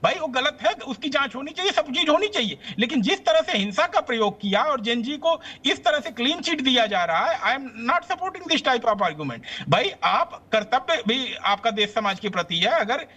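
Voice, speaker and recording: A man argues as a guest on a televised political panel, firing off rhetorical questions with indignant force. His voice sits very high and rings bright and tense. He pushes his point hard and rarely pauses. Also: lively intonation, slightly rough. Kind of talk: heated political debate.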